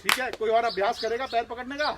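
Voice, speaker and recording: A man teaching village children outdoors, lively and full of questions to them. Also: extremely high pitch, quick pace, a crowd in the background, noisy background. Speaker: outreach trainer.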